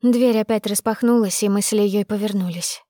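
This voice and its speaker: A woman narrating a first-person novel as an audiobook. She keeps an intimate, brisk storytelling pace in a medium voice. The recording is dry and close. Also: mid-range voice, steady tone, warm tone, no room sound.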